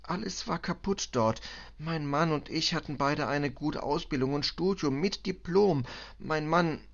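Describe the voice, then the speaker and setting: Male reader playing a shaken Balkan cleaning woman, stammering, high strained voice, dull audiobook sound. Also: a bit bright. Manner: halting broken German, stammering, tearful. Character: distraught middle-aged female refugee cleaner. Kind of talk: audiobook reading.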